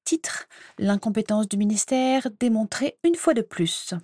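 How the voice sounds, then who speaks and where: A woman's voice: fairly high pitch, lively intonation, measured pace, darkish tone, no room sound, studio quality, voice pushed up. A woman voicing a brash, pushy young female gossip reporter with a thin, reedy voice. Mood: dictating.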